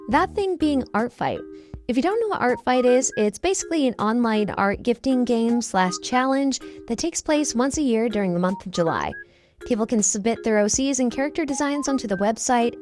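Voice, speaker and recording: A woman's voice: on the high side, darkish tone. A young woman with her voice run through a voice changer, giving casual, unscripted, self-deprecating video commentary in an informal way. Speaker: host, hobby artist.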